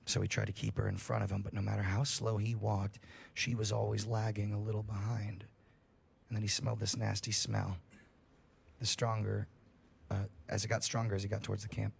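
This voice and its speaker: A man's voice: brisk, creaky, husky. A man on a livestream reading a horror story aloud in a casual, profane way, his voice rising at the tense parts. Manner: casual and profane, rises in pitch at tense moments.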